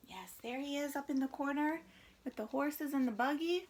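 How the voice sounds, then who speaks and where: A woman teacher reading a picture book aloud to children in an online class. She talks in an animated, coaxing way and asks questions. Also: sits high, normal speed, slight background noise. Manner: animated, coaxing, stops to scold gently. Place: home room. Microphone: computer for an online class.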